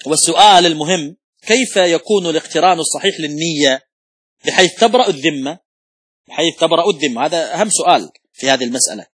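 A man teaching a religious law lesson as a sheikh, methodically explaining rules through worked examples and repeating key points, with occasional coughs and throat clearing. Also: on the high side, expressive, fast, fairly bright tone, no room sound, clean studio sound. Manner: demonstrates correct and wrong pronunciation aloud.

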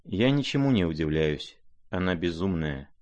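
Man voicing a gentle troubled young nobleman, low, quiet, pleading. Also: expressive, normal speed. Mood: pained.

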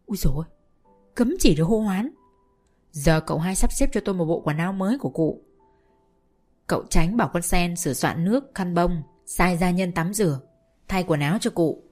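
A woman voicing a commanding middle-aged senior wife in a spoken story, giving brisk orders to the household. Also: on the low side, animated, a little mellow, soft background music.

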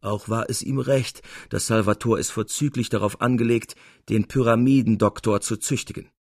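An audiobook narrator with a lowish voice reads literary narration, telling the story in an expressive, measured manner.

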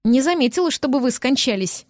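A woman's voice: fairly high pitch, expressive, moderate pace, no echo, studio quality, natural voice. A woman reading the part of a proud, stubborn young woman who answers back with indignation in an audiobook. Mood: indignant. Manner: indignant, sharp, defiant.

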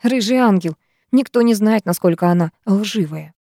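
A woman narrating a first-person audiobook in an even, measured reading. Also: mid-range voice, no room sound, clean studio sound.

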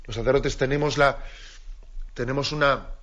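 Earnest priest on lo-fi radio. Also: male voice, medium pitch, steady tone, normal speed, a bit bright. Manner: earnest, repeats key phrases for emphasis. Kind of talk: radio catechism talk. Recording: dull lo-fi radio broadcast.

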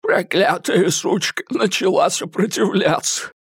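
A man doing a shrill, breathless cornered thug. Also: a little slow, breathy edge, dry recording, clean studio sound, exaggerated voice. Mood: whining. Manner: shrill, pleading and screaming. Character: panicked bleeding male thug, cornered and whining. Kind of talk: audiobook character voice.

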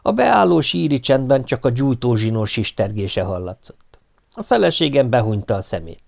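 A man's voice: mid-range voice, big pitch swings, gravelly. A man reading a humorous first-person audiobook with a wry, dry delivery. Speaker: audiobook reader.

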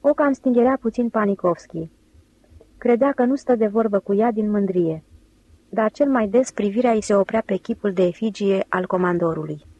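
A woman's voice: mid-range voice, mellow, breathy edge, dry recording, dull audio. Woman reading an audiobook, dry sound. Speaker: audiobook narrator. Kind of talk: scripted narration.

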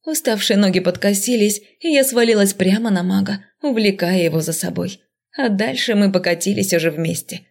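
A woman reads a fantasy romance audiobook in first person, mid-pitched with a touch of fry. She jumps high for the heroine's squeaky lines. Her reading stays lively and expressive. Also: fairly quick. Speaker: audiobook narrator.

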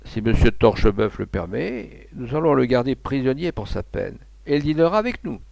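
A man voicing a rich, jovial middle-aged joker who teases loudly in a storybook reading. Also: medium pitch, big pitch swings, moderate pace, creaky, no room sound, dull audio. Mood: teasing. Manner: boisterous teasing.

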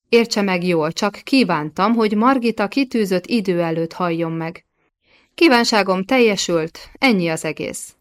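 A woman's voice: medium pitch, natural voice. Storybook figure: a testy medieval king, played by a female reader, defensive and barking orders. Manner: irritable, defensive, commanding. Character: angry guilty young medieval French king.

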